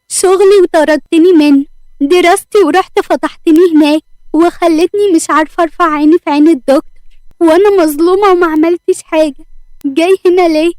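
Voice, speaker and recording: A woman's voice: very high-pitched, dry recording, pitched above the performer's own voice. A woman voicing a desperate, worn-out young woman. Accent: Egyptian. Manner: pleading, then shouting in distress.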